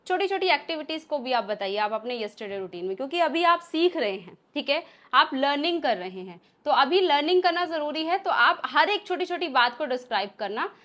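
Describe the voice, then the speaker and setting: A woman with an Indian accent leads a spoken English lesson in a high, bright voice. She explains patiently, one step at a time, and slows right down to read out each example sentence. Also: lively intonation. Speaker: English teacher.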